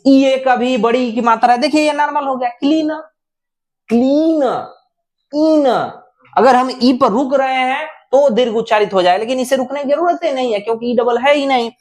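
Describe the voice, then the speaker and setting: A woman teaching English pronunciation, repeating short words slowly and stretching their vowels. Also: high voice, a little mellow. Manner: drills words slowly, repeating each one with drawn-out vowels. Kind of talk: slow classroom-style lesson.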